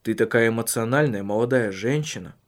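Storybook husband, read by a man: measured, earnest, mid-pitched. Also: natural voice. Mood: earnest, probing. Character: calm, tactful husband, man.

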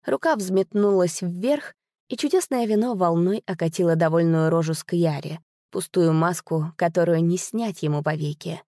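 A woman narrating a story audiobook in an expressive storytelling manner. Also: fairly low pitch, moderate pace, no echo, studio quality.

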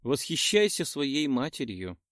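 In an audiobook, a man raises his voice to play a sly fairy queen of summer, a proud, scheming woman. She sounds amused and self-satisfied, mocking at an unhurried pace, her pitch rising and falling with life. The recording is close and dry, with no room sound.

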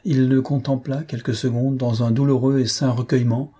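Male narrator for a classic novel, measured and dramatic, dark tone. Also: mid-range voice, level tone, breathy edge. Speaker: audiobook narrator. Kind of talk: scripted narration.

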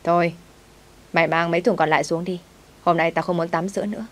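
A woman voicing a spoiled, sharp-tongued rich young woman who talks down to her servant, bossy and rude. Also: on the low side, steady tone, fast, natural voice. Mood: haughty.

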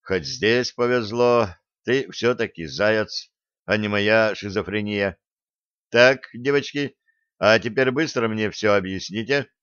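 Man playing a harried starship captain, short-tempered, bossy, slow deliberate delivery. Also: on the low side, a bit bright, clean tone, no echo. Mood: exasperated. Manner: exasperated, barks orders. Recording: dull dry close recording.

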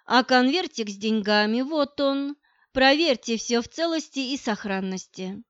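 A woman's voice: a little high, animated, measured pace, no echo, lo-fi sound. A woman reading the lines of a confident, coquettish young woman in an audiobook, in a sweet, coaxing manner.

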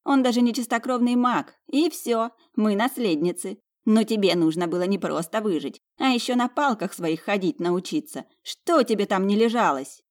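A woman's voice: medium pitch, lively intonation, moderate pace, few pauses, pitched above the performer's own voice, lightly acted. A woman voicing a spiteful, sneering young noblewoman in an audiobook, taunting her sister.

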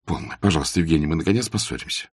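Man reading an indignant young gentleman. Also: extremely low pitch, rapid-fire, dry recording, studio quality. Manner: indignant, heated. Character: earnest young gentleman, hot-tempered friend.

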